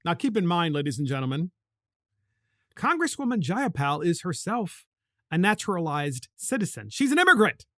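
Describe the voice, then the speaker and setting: A man's voice: sits high, big pitch swings, moderate pace, a bit bright, no echo, studio quality. A man hosting a political commentary podcast, talking emphatically with indignant, sarcastic asides. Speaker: podcast host.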